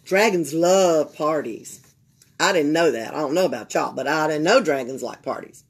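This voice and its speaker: An older Southern woman from Alabama, working as a library storyteller, reads a picture book to kids indoors at a library table. She reads with feeling and pauses to chat with her listeners, her deep, slightly raspy voice animated throughout.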